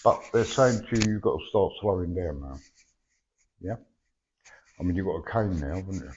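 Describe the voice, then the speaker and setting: A man with a low, mellow voice speaks as a medium, his words softened and slightly slurred by missing teeth. He is blunt and chatty, often checking that his listener follows. The live recording is dull and lo-fi. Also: lively intonation, moderate pace. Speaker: spirit medium giving a reading. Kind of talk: live mediumship reading, conversational. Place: live event before a sitter.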